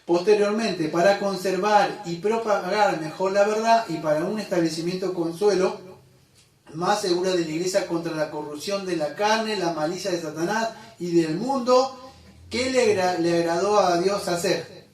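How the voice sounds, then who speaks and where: A high-pitched man preaching a sermon. He talks in a loose, chatty way, stumbling and correcting himself as he goes, and throws questions at the congregation. His voice echoes around a hall and sits some way off the mic. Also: normal speed. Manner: conversational, self-correcting, quizzes the congregation. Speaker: pastor. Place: church hall. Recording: echoey room, mic at a distance.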